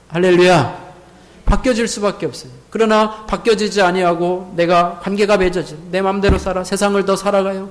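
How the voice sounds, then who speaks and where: A man with a notably high voice preaches a Sunday sermon from a church. He keeps firing questions at the congregation and hammers key words by saying them twice. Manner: leads the congregation in call-and-repeat. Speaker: pastor. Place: church sanctuary.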